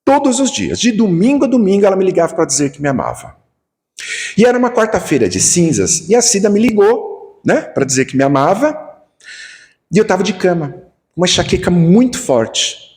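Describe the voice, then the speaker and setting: A Brazilian man gives a Spiritist talk and moves between stories and teaching. His voice sits a touch high and swings widely in pitch as he acts out conversations. It rings through a lecture hall with a long reverb. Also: brisk. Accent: Brazilian Portuguese. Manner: animated storyteller who acts out dialogue. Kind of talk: lecture with personal storytelling.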